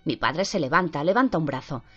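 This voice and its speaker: Un chico asustado y dolido, en boca de una lectora de voz baja, habla con frases cortas y entrecortadas. La grabación es sorda, con una música suave por detrás. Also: female voice, sits low, animated, fairly quick, a bit bright, breathy edge, heavily acted. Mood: fearful. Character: frightened abused young boy recounting. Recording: dull lo-fi with faint music.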